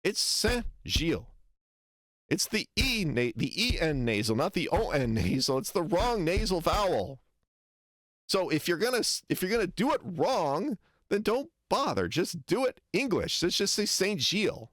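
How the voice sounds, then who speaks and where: An American man streaming casual commentary, rambling and animated as he exaggerates foreign vowel sounds to make his point. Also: high voice, moderate pace, dry recording, studio quality. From United States. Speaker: streamer reacting to a lecture.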